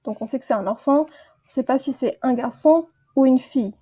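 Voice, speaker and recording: A woman's voice: high voice, moderate pace, warm tone, breathy edge. A woman teaching a vocabulary lesson, patiently saying each word twice before explaining it. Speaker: language teacher. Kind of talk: slow vocabulary lesson with repeated words.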